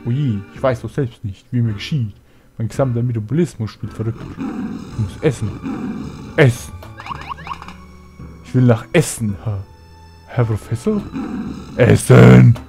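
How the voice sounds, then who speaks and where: A man voicing a ravenous game character with a wild beast stirring inside him, in a low, groaning voice. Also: unhurried, long pauses, music in the background, close to an everyday voice.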